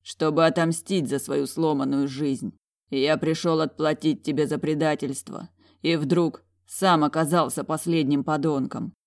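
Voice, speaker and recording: A woman's voice: low voice, fairly even intonation, unhurried. A woman voicing a proud young man who pleads earnestly for forgiveness, in storybook narration. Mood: pleading.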